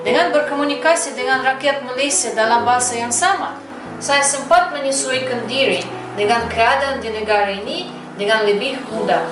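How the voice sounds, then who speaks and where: A woman's voice: sits high, normal speed. A middle-aged woman from Moscow, a native Russian speaker with a Russian accent, gives a prepared personal testimonial as a foreigner speaking fluent Indonesian-Malay. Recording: roomy, distant mic, music behind.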